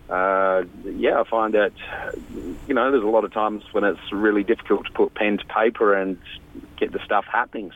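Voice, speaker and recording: Man, lower pitch, laid-back slangy talk, band singer as radio guest, thin phone sound. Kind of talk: casual phone interview. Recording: tinny phone line on radio.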